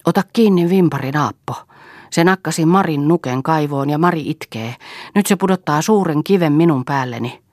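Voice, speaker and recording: A woman's voice: low voice, a little mellow, dry recording, clean studio sound, pitched above the performer's own voice. A woman reading aloud voices a delirious, dying young woman who cries out in fever. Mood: frantic. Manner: feverish, crying out.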